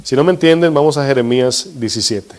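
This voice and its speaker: Male pastor, mid-pitched voice, steady teaching sermon with questions to the congregation. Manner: slows for emphasis on scripture.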